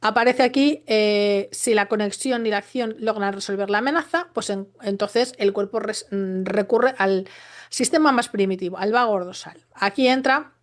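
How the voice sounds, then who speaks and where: A woman's voice: medium pitch, moderate pace. A woman with a Spain Spanish accent gives an unscripted explanatory talk. She keeps asking rhetorical questions and checks in with tag questions. She often breaks off and restarts her phrases mid-thought. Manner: restarts and self-corrections mid-sentence. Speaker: educator.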